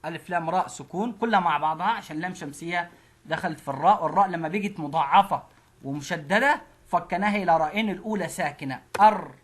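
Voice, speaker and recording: A woman with an Egyptian Arabic accent teaching a phonics lesson, slowly repeating syllables one at a time. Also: fairly low pitch.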